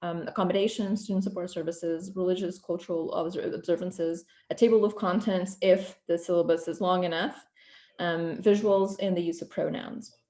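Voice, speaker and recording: Portuguese-born woman giving a talk on a video call, lowish voice, roomy echo, lots of ums. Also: fairly even intonation, moderate pace, dark tone. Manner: fluent, careful, with many ums and restarts. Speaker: guest speaker, program coordinator. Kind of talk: presentation over video call.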